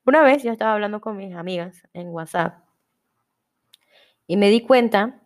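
A woman's voice: medium pitch, normal speed. A young woman with a Panamanian accent hosting a casual solo podcast, chatty and rambling, often cutting herself off mid-word. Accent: Panamanian Spanish. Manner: rambling, chatty, self-interrupting. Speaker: podcast host.

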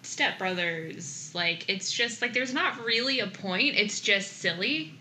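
A woman's voice: mid-range voice, animated, slow pace, sharp tone, a little hiss or hum, low-quality recording. A young woman co-hosting a podcast, chatting casually about a movie with lots of filler words. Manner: chatty, many "like" fillers, laughs often. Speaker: podcast co-host.

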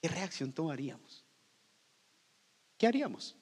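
A man preaching a sermon as pastor, swinging from loud cries down to hushed near-whispers. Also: on the high side, very animated, normal speed, husky, in a large hall.

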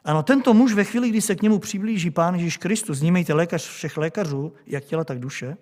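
A man's voice: high voice, darkish tone. A male preacher delivering a sermon, questioning his congregation with rhetorical questions.

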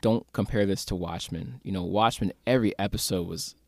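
Low-voiced man in casual review chat. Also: brisk, no room sound, clean studio sound. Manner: thoughtful, analytical, with frequent fillers. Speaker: podcast co-host.

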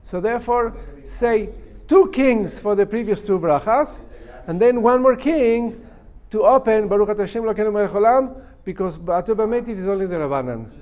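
A man's voice: high voice, normal speed, few pauses, darkish tone. A man teaching a religious class as a rabbi, emphatically reading and translating a text phrase by phrase and explaining it step by step.

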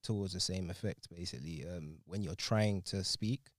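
Low-voiced young man. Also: moderate pace, no room sound, clean studio sound. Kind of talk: casual group discussion.

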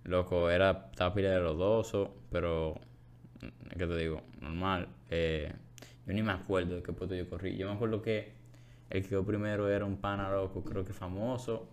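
A young man with a low voice and a clear Dominican accent. He chats casually, as among friends on a podcast, in street slang with bits of English dropped in. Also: fairly even intonation, normal speed. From Dominican Republic. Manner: slangy, with English words mixed in. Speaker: podcast co-host.

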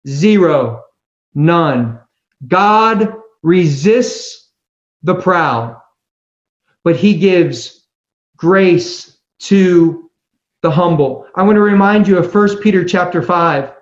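Earnest preacher at a pulpit microphone, high voice. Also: male voice. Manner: earnest, emphatic, slows down for scripture. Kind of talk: sermon. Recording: roomy, slightly dull mic sound.

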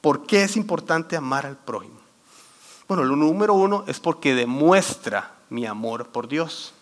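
A man giving a sermon talk, telling a lively story and quoting scripture while getting over a cold. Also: fairly high pitch, moderate pace. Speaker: church youth speaker.

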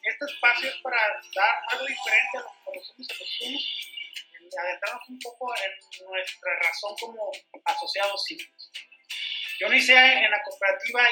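A woman's voice: mid-range voice, sharp tone, roomy sound, rough recording. A woman co-host from Mexico, speaking sincerely in a casual chat.

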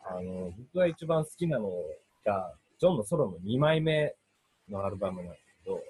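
A young man with a Kansai accent, a rock band guitarist chatting on a casual radio show, talking in thoughtful, measured phrases. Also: on the low side, animated, a little mellow, breathy edge, no echo. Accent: Kansai Japanese. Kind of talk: casual chat.

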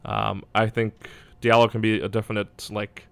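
Low, even-toned man talking basketball. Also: moderate pace, creaky, clear, resonant tone, dry recording. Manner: hedging, thinking aloud. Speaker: basketball draft analyst. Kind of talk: casual sports discussion.

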